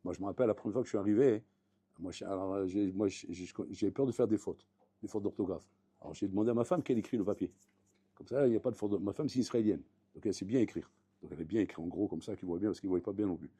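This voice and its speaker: A male rabbi teaching a Torah class in a storytelling way, slipping into the voices of the people in his tales and swelling to loud, pressing peaks. His voice is dark and a little husky. The sound is dry and close, with almost no room around it. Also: fairly low pitch, very fast, dry recording. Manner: lively storytelling, acting out voices, rising to loud emphatic peaks; French mixed with Hebrew terms, repeated address to the audience.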